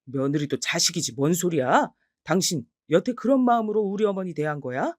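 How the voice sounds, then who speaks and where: A woman's voice: on the low side, animated, fairly quick, darkish tone, dry recording. Brief: woman plays defensive middle-aged husband, short grudging lines, dry sound.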